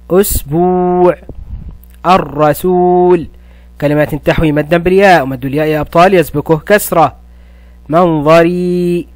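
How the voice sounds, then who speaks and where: A man teaching a primary school language lesson, praising the pupils often and slowing down to spell words syllable by syllable. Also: fairly high pitch, no room sound. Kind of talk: recorded classroom lesson.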